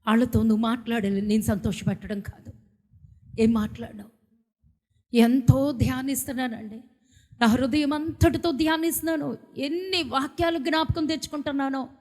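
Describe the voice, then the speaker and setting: Impassioned high-voiced Telugu woman pastor. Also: steady tone, moderate pace. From India. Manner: impassioned, pleading, with sudden loud outbursts. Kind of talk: emotional sermon. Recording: long hall reverb.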